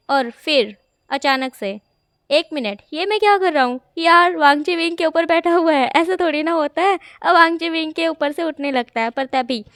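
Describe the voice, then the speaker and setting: A woman's voice: high-pitched, no room sound, studio quality. A woman narrating a fan fiction story in a conversational storytelling way, switching between the characters' voices.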